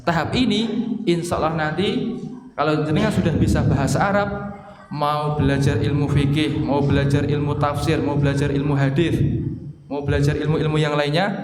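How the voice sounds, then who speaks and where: A male Arabic teacher with a fairly high voice leads a lesson for a congregation. He explains step by step, poses questions and answers them himself, and chants phrases for the class to repeat. His voice rings through a large echoing hall over a faint background hum. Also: darkish tone. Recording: echoey hall, faint ambient noise.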